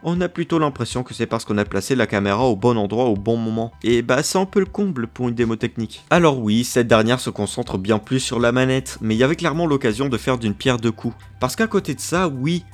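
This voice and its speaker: Guy doing a game review voiceover, mid pitch, chatty and opinionated, throws in little fillers. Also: a little fast, hardly any pauses, faint music behind. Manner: opinionated and conversational, with casual fillers. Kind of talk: scripted review voice-over.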